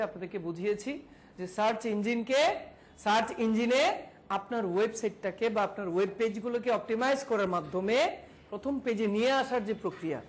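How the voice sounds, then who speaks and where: A woman teaching a digital marketing class, questioning students one by one and repeating key terms. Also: fairly high pitch. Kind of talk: classroom lecture.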